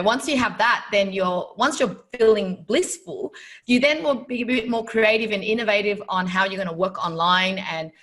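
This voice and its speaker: A woman's voice: medium pitch, a bit bright. A woman from Vietnam as a podcast guest, speaking earnestly and reflectively with many fillers. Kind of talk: interview podcast.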